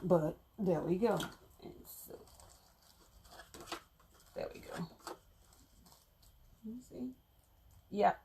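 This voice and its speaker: A woman talks casually to her viewers as she demonstrates a craft project, laughing easily. Her voice has a gravelly fry to it. A faint hiss sits under the recording. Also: medium pitch, lively intonation, drawn-out words, pauses often. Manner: chatty, talks to viewers while working, laughs often. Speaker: crafter explaining her methods. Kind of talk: casual tutorial chat.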